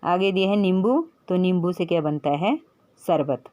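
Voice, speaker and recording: A woman's voice: lowish voice, animated, normal speed, mellow, highs cut off. A woman teaching a Hindi workbook lesson to young children, with a light Punjabi-influenced accent. She talks patiently, asks questions and answers them herself, and calls the child "beta".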